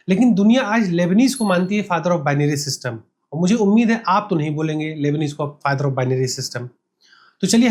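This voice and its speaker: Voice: mid-range voice, darkish tone. A history channel narrator reading a scripted educational explainer step by step, asking the listener rhetorical questions and switching often between Hindi and English phrases. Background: faint background music.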